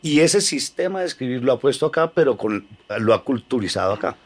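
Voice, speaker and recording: A man's voice: medium pitch, big pitch swings, brisk, slight background noise. A man who is a comedian guest on a podcast, explaining and clarifying a point on behalf of his co-guest. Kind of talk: casual podcast conversation.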